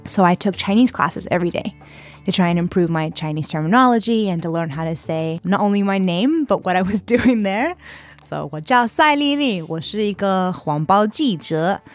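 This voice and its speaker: A woman's voice: medium pitch, expressive, normal speed, soft background music. A woman in her twenties from San Diego telling her own story as a podcast guest, chatty and full of fillers. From San Diego, California. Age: 20s. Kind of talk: personal storytelling interview.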